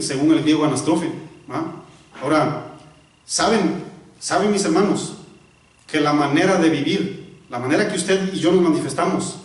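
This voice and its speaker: A male pastor preaching a sermon. He often asks the congregation rhetorical questions and repeats words for emphasis. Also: fairly high pitch. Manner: stops to correct himself and repeats words for emphasis. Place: church. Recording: very echoey church hall, voice from a distance.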